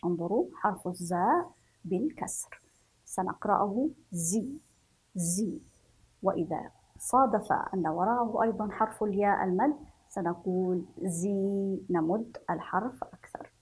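A woman from Yemen teaching a children's reading and writing lesson. She draws out each word slowly, syllable by syllable, for young pupils. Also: medium pitch, animated, slightly rough, low-quality recording.

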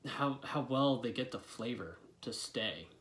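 A man's voice: mid-range voice, lively intonation, a little slow, a bit bright. Laid-back man talking around a lip full of dip. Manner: laid-back, swearing freely. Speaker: product reviewer. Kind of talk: casual vlog review. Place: small bedroom, indoors.

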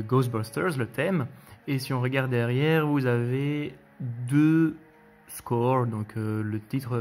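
A man talks through his collection in an easygoing, unscripted way, pausing often on fillers and restarting his sentences. His voice sits at a middle pitch, and faint music plays behind him. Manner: relaxed, hesitant, frequent fillers. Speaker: video host reviewing his collection. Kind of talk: casual spoken review.

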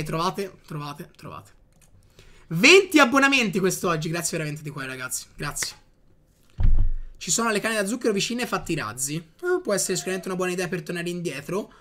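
Bright-voiced gamer chatting. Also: male voice, a little high, a little hiss or hum. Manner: chatty, talks to viewers, excitable outbursts. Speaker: gaming youtuber. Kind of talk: casual gameplay commentary.

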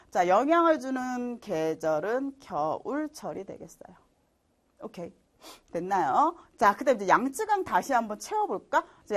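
A woman teaches a middle school science class in an online lecture, her pitch swinging widely as she talks. She chats casually, keeps checking in with rhetorical questions, and laughs easily at her own drawings. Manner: lively, chatty, asks students rhetorical questions; laughs at herself while drawing.

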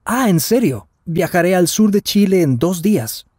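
Here the same young male voice actor performs Daniel, a curious traveler in his twenties, in a carefully delivered scripted lesson at slow and normal speeds. The delivery is high-pitched, expressive and at normal speed, with a darkish, slightly breathy tone. Sound is clean studio quality without echo.

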